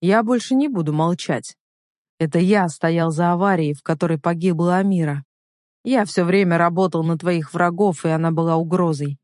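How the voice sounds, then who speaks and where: A woman reading a male henchman who confesses calmly and coldly, in an unhurried voice. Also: lowish voice, dry recording, studio quality, natural voice. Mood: calm coldness. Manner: calm, cold, unhurried. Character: calm, cold male henchman turned traitor.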